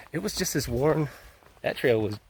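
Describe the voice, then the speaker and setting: A man's voice: mid-range voice, fairly bright tone, a little hiss or hum. A man vlogging on a long-distance hike, talking casually and rambling, laughing often and swearing now and then, sometimes out of breath, into a handheld phone outdoors in the mountains. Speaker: thru-hiker vlogging on the trail. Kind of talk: casual handheld trail vlog. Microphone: phone camera held by hand.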